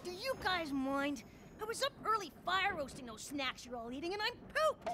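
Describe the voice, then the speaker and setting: A woman's voice: very high voice, big pitch swings, moderate pace, noisy background. A woman voicing a cranky, tired little boy dragon who sounds put-upon, in a cartoon. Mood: grumpy.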